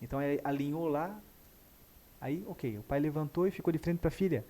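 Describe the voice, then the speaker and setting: A man, a guest therapist telling a story in a lively way and acting out the dialogue. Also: on the high side, moderate pace. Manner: animated, acts out dialogue. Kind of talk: conversational storytelling.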